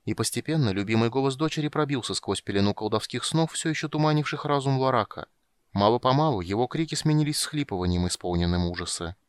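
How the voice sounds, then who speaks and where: A man reading a fantasy audiobook in measured, scripted narration. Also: medium pitch, lively intonation, clean tone, dry recording.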